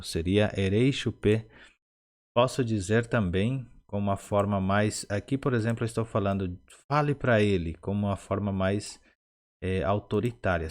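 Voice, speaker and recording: A man teaching short phrases, speaking Portuguese with Spanish as his first language, patient and explanatory, repeating each phrase slowly syllable by syllable. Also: on the low side. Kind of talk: slow instructional explanation.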